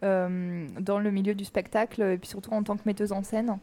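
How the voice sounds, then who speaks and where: A woman hosting an informal radio programme, with halting, rephrased questions. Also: medium pitch, little pitch movement, dark tone. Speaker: radio host.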